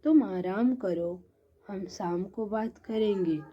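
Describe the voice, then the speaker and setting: A woman voicing a calm, caring adult son who speaks to his mother in a soothing way in a storybook tale. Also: medium pitch, takes it slowly, slightly rough. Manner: soothing, reasonable. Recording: dull lo-fi recording.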